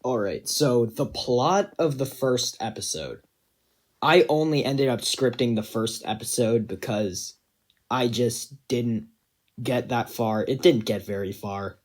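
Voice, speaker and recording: A man's voice: medium pitch, animated, slow. A young man giving casual, self-deprecating commentary on his own animation project, rambling with many fillers.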